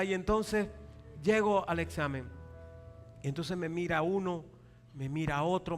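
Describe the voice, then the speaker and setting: A male pastor preaching a sermon, animated and acting out dialogue, often asking the congregation for a reply. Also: on the high side. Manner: acts out quoted dialogue in raised voices. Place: large church hall. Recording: long hall reverb with faint music.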